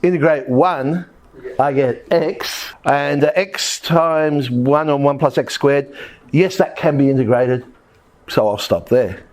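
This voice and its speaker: A man's voice: on the high side, slow pace. A man teaching a maths lesson, working through examples step by step and thinking aloud as he writes. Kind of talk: recorded maths lesson at a board.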